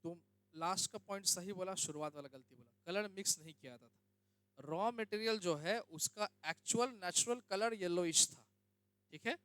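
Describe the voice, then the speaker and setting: A man's voice: sits high, moderate pace, sharp tone, smooth, no room sound. A young male teacher giving a classroom lecture, often asking students questions and checking that they understand. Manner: questions students, addresses them as beta.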